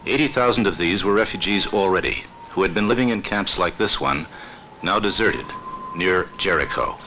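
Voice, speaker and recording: A man narrating an old 1960s newsreel in a measured, formal voice. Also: sits low, animated, bright, forceful tone. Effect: old newsreel film soundtrack. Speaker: documentary narrator. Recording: noisy old film soundtrack.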